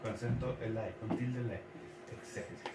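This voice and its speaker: A man teaching a sermon to his congregation, slowly repeating and spelling out key words. He is recorded in a church hall. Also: mid-range voice, fairly even intonation, very noisy. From Chile. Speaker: pastor. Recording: echoey church hall, mic at a distance.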